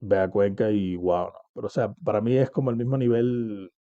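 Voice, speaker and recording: A man's voice: on the low side, fairly quick, dry recording, narrow, tinny audio. A man from Cuba, talking casually and reflectively as an interview guest, often checking in with "¿entiendes?". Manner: reflective, uses many fillers and "¿entiendes?".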